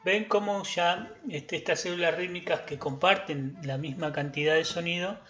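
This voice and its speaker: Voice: medium pitch, moderate pace, fairly bright tone, dull audio. A music teacher giving a recorded lesson, patiently chanting example words syllable by syllable.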